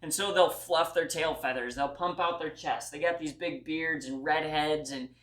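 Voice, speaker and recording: A man's voice: fairly high pitch, normal speed, a bit bright. A man giving a class presentation speech in a folksy, earnest way and speaking straight to his audience. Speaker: student speaker. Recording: echoey room.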